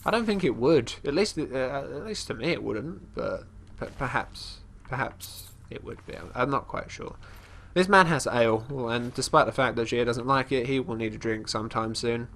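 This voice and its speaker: This let's play host speaks in a mid-range, somewhat bright voice at a moderate pace with few pauses, over slight background noise. Congested and casual, he narrates his fantasy game character's actions in third person. His commentary rambles, and he keeps starting sentences over.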